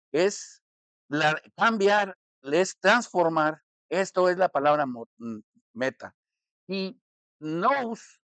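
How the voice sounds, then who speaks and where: A male pastor preaching a sermon in a church, teaching slowly and deliberately, repeating and restarting phrases as he explains. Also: sits high, a bit bright, dry recording. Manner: deliberate teaching, slowing to stress key words.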